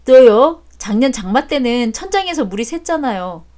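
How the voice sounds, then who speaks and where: A woman's voice: on the high side, very animated, normal speed, darkish tone. A woman voicing a blunt adult son who talks back cheekily to his father in a storybook drama. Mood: cheeky.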